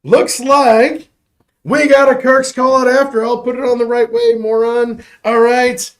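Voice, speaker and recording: A man's voice: extremely high pitch, level tone, measured pace. A man hosting a live bar prize giveaway show, jokey and upbeat, with chuckles and asides.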